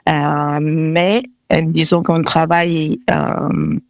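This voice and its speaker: A woman's voice: sits low, big pitch swings, slow, vocal fry, dry recording, clean studio sound. A woman from Togo, a fashion designer, answering interview questions in a hesitant, casual way with many fillers. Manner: laughs between answers.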